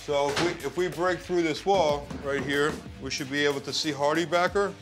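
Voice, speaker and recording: A man's voice: fairly high pitch, fairly even intonation, moderate pace. A man co-hosting as the expert, grilling a contractor in a blunt, confrontational way. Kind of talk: heated confrontation. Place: house under renovation, indoors. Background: background music.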